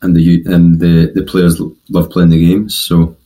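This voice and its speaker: A man with a Scottish accent, a podcast guest talking about his company in a monotone, halting way with many restarts. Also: low-pitched. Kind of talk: casual interview chat.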